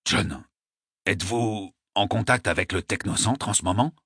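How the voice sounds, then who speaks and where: A man reading an audiobook, voicing a nervous, scornful male conspirator with a raspy voice. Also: fairly low pitch, moderate pace, a bit bright, no echo, clean studio sound. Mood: agitated. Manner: scoffing, jittery outbursts. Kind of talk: audiobook character voice.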